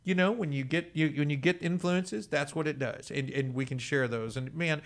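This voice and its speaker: A man's voice: fairly high pitch, moderate pace. A man with a Texan accent hosting a casual interview, rambling and chuckling as he acts out his stories. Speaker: radio show host.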